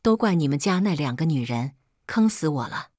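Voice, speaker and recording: A woman's voice: low voice, lively intonation, moderate pace, darkish tone, dry recording, studio quality. Woman voicing an angry resentful doctor. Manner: pleading and resentful. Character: angry male doctor blaming others.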